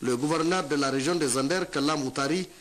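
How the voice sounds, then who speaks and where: A man's voice: fairly high pitch, a bit bright, rough recording. A man reading a formal news report as a voice-over. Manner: measured, formal delivery.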